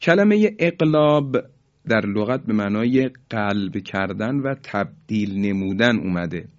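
A man teaching Quran recitation rules to listeners, explaining patiently and slowly drawing out the example words as he recites them. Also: lowish voice, expressive, highs cut off. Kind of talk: tajweed lesson for listeners.

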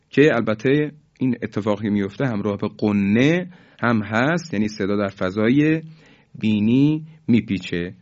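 A man teaching Quran recitation rules to listeners, explaining patiently and slowly drawing out the example words as he recites them. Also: mid-range voice, darkish tone, muffled recording. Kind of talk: tajweed lesson for listeners.

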